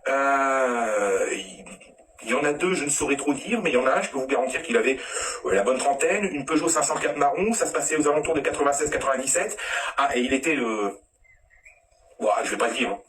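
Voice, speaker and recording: A man's voice: mid-range voice, lively intonation, a little fast. A man telling a rambling anecdote in crude, casual slang, with hesitant restarts. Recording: distant mic with loud background noise.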